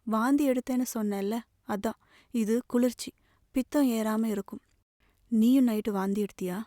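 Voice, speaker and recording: A woman's voice: fairly high pitch, normal speed, mellow, no room sound, clean studio sound, lightly acted. A woman reading the part of a young man, a tender, protective elder brother pleading earnestly. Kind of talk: audiobook novel reading.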